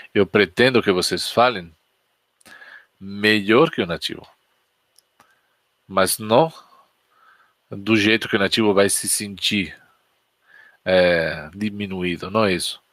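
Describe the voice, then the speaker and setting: A man who is a teacher, talking to viewers during a live-stream lesson, thinking aloud with pauses and restarts. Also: on the low side, a bit bright, no echo. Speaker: Spanish teacher.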